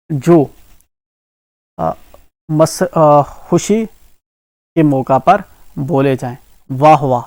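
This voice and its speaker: Kashmiri man teaching grammar, higher voice. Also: darkish tone, dry recording. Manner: repeats "ठीक है ना" often, explains terms with examples. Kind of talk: exam-prep grammar lesson.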